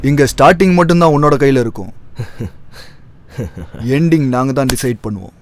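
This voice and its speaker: A man's voice: on the high side, animated, brisk, soft background music. An actor playing a threatening male gangster, brother of the boss, in a dubbed film.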